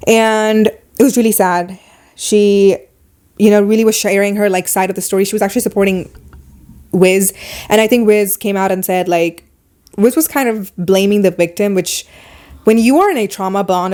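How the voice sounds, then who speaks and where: Her podcast has her, a woman with a foreign accent, discussing her opinions informally, with animated bursts of fast speech. The pitch of her voice is medium.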